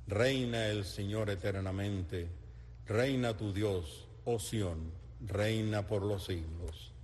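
Man, lowish voice, unhurried psalm delivery, long reverb. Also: darkish tone. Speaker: psalm reader. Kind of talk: responsorial psalm with repeated refrain. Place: large reverberant church interior. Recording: long echoing church reverb.

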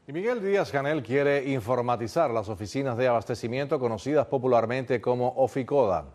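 A man's voice: medium pitch, lively intonation, brisk, darkish tone. Male anchor reading lead-ins, plain mid voice. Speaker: news anchor. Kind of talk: news reading.

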